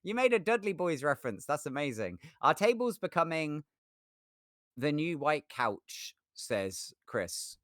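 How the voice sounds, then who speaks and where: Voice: mid-range voice, very animated, a little slow, dry recording, studio quality. A live streamer with a Scouse accent, chatting casually and reading chat messages aloud with jokes and laughter. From England.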